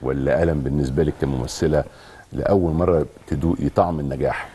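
A man with an Egyptian Arabic accent hosting a TV studio interview, asking lively questions and directing the camera operator. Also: a bass voice, fast, slightly rough. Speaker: talk show host.

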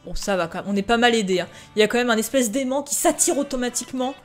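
A woman's voice: fairly high pitch, fast, faint music behind. A woman casually commentating a farming game, chatting straight to her viewers and reading the game's prompts aloud. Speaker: gaming video host. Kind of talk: casual let's-play commentary.

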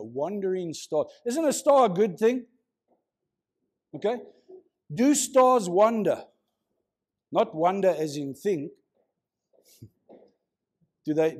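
High-voiced preacher. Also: male voice, darkish tone. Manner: conversational, prods the congregation with questions. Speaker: pastor. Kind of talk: lively preaching sermon. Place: church, before a congregation.

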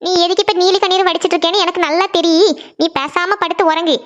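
A woman's voice: very high voice, fairly even intonation, quick pace, highs cut off. A woman voicing a worried, strict mother of a teen girl in a cartoon, with a scolding, anxious manner. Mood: stern.

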